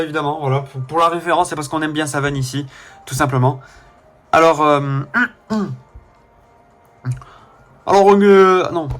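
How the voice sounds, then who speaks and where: A man's voice: fairly high pitch, fairly bright tone. A young man with a faint southern French accent, casually commenting on a game he plays, rambling with fillers and self-corrections. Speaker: let's player.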